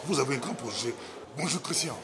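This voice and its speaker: A man hosting an interview at a busy event, with an enthusiastic delivery in a mid-pitched voice. He repeats his phrases as he talks. A loud crowd is heard around him. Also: lively intonation, fairly quick. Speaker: pastor and interviewer. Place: economic forum venue.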